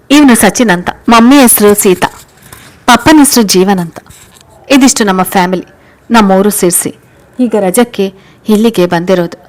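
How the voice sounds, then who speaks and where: A woman's voice: medium pitch, close to an everyday voice. A woman voicing a cheerful, chatty little girl in a spoken story, full of questions and chatter.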